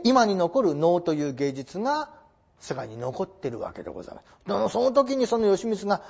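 High, lively man lecturing, lo-fi. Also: gravelly. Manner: polite, explanatory, with rhetorical questions. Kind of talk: classroom lecture on traditional theatre. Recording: dull lo-fi recording.

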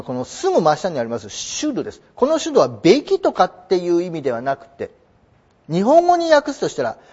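A man teaching English in a lively lecture, his high voice leaping up and down as he stresses points. His tone is husky, and the recording sounds muffled and lo-fi. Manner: animated, emphatic explaining; reads English slowly. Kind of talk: lecture explaining an English passage.

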